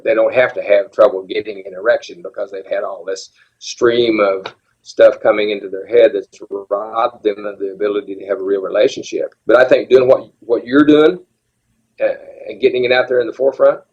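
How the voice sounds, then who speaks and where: Steady in tone and a little fast, this older man's lowish voice is slightly mellow and slightly rough. Now in his 70s, he speaks earnestly and reflectively in a candid interview, often restarting sentences, recorded in dull lo-fi sound.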